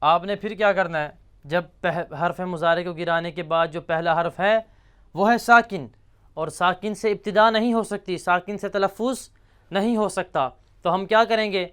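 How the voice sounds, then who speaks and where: Man, grammar teacher, high voice, smooth and resonant, slow recitation of verb forms, asks questions himself. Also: a bit bright. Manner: recites verb paradigms slowly, asks and answers own questions. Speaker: teacher of Arabic morphology. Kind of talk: classroom grammar lesson.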